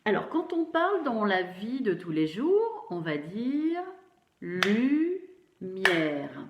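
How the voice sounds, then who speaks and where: A woman teacher giving a phonics lesson to young children, slowly spelling out syllables and praising them. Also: a little high, sing-song, a little hiss or hum. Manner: slow, encouraging, syllable by syllable. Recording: roomy, dull lo-fi sound.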